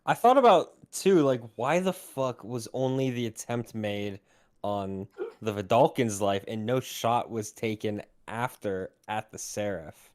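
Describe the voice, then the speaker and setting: A man's voice: on the low side, unhurried, clear, resonant tone. A young man in casual chat with his game group, swearing and thinking aloud with laughs. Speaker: tabletop game player.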